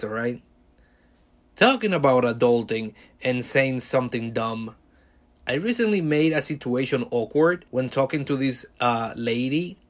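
A man in his thirties hosts a solo podcast in a relaxed, rambling style. He jokes at his own expense and keeps the tone loose and conversational, with a mid-range pitch. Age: 30s. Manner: joking, self-deprecating, rambling. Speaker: podcast host. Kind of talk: casual solo podcast monologue.

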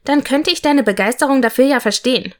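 A woman's voice: sits high, quick pace, pitched above the performer's own voice, natural voice. A woman voicing a grumpy, sarcastic male talking owl in a storybook reading, snide and grumbling.

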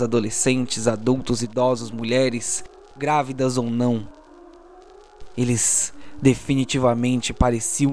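A man with a Brazilian accent narrates a tabletop RPG audio drama as game master, telling the story theatrically. His voice is mid-range with a darkish tone, and there's a little hiss or hum along with soundtrack music behind him.

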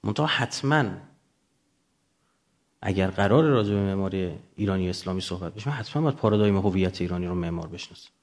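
A man's voice: low voice, animated, darkish tone. A man lecturing off the cuff to students, didactic, often posing questions and answering them himself.

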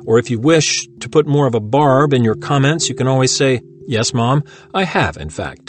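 A man reads scripted self-help audiobook narration as a therapist, in a measured, instructive way. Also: mid-range voice.

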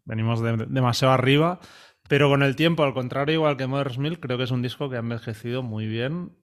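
A man weighs his opinion in a reflective way during a casual debate. His voice is mid-pitched and even. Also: brisk. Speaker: panelist.

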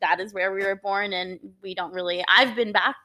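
A woman's voice: medium pitch, steady tone, normal speed, pushed and bright. A woman in her twenties co-hosting a casual podcast chat, talkative and full of "you know". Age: 20s. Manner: chatty, leans on "you know" and "like". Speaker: podcast co-host.

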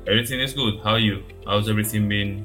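A man co-hosting a podcast, chatting casually in a relaxed, rambling way. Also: on the low side, rapid-fire, faint music behind. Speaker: podcast co-host.

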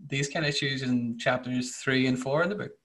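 A man hosting an interview, with a mid-pitched voice. He builds his questions slowly, pausing and filling the gaps. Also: a bit bright. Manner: halting, careful questions with fillers.

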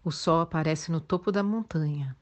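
A Brazilian woman leading a guided meditation in a soothing, gentle way, leaving long pauses. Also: sits low. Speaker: guided meditation instructor for children and teenagers.

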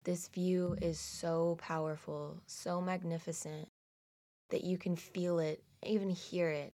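A woman narrating a guided meditation slowly and soothingly, in a hushed delivery with long pauses. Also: on the low side, level tone.

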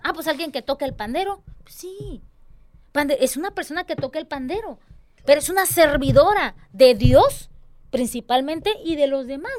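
A young adult woman, earnestly explaining her tambourine dance ministry in a casual church talk. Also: sits high. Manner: earnest, expressive, mimics others' voices.

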